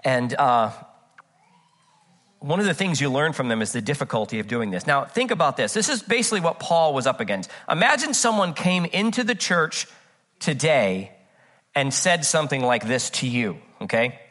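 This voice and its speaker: A man's voice: mid-range voice, big pitch swings, normal speed, fairly bright tone. A man preaching a conversational sermon, reading scripture aloud and telling personal stories with frequent "uh" fillers. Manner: earnest and chatty, with frequent "uh, uh" fillers; tells personal anecdotes with humor. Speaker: pastor.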